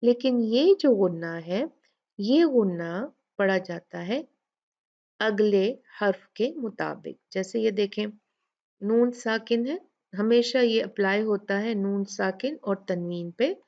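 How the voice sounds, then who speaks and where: Slow, patient woman teaching Quranic recitation. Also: medium pitch, lively intonation, lo-fi sound. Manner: patient, asks questions then answers them, draws out example words slowly. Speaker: Tajweed teacher. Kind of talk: slow explanatory lesson with recited examples.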